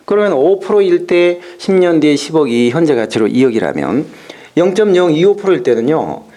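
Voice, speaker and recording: Male exam-prep lecturer, fairly high pitch, lively delivery, works through examples step by step. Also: normal speed. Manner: explanatory, steps through worked examples, keeps opening with "자".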